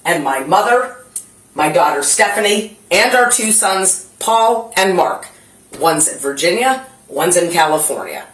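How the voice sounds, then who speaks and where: A woman's voice: fairly low pitch, animated, unhurried, echoey room, poor audio. A middle-aged mother giving police a rambling, anxious account inside her home, full of restarts. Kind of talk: tense spoken account to police.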